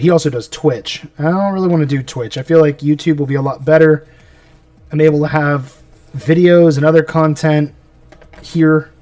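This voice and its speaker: A fairly high-voiced man rambles through a casual live stream while he paints, talking half to himself and half to his viewers. He sits a little back from the mic in a dry room, with soft music playing behind him. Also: no echo, recorded from a distance. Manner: rambling, talks to himself as he works.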